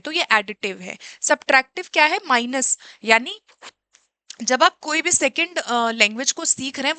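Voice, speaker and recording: A woman's voice: sits high, pushed and bright, dry recording. A woman teaching an exam-prep language class, explaining step by step and asking and answering her own questions. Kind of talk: Hindi-English mixed lecture.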